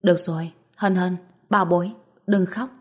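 A woman's voice: on the low side, steady tone, normal speed, a little mellow, lightly acted. A woman voicing an indulgent young mother who soothes and placates, in an audio story. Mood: placating.

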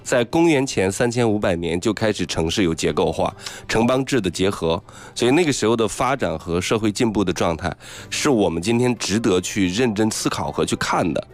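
A man chatting on the radio as a travel guest, telling stories in a lively way. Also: lowish voice, fairly quick, few pauses. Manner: animated storyteller. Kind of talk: casual radio chat.

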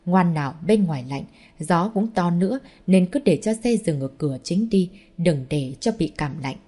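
Dark, husky woman narrator. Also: on the low side, animated, normal speed. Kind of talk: scripted audiobook narration.

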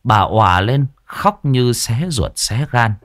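A man narrating a ghost story in a dramatic, animated storytelling manner. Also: medium pitch, slow, no room sound, clean studio sound.

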